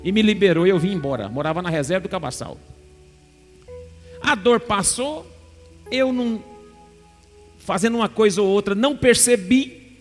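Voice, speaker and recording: A male pastor with a high voice preaches in a large church. He tells his story with animation and acts out the lines of the people in it. His voice carries a long reverb, and soft music plays underneath. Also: normal speed, long pauses. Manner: animated storytelling, acting out dialogue. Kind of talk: sermon with personal testimony.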